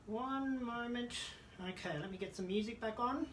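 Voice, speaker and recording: Hosting an online story time, a woman chats to viewers in a theatrical, gushing show and tell, calling them "darlings." Her voice is on the high side at a moderate pace. The audio is very noisy, with disco music playing in the background.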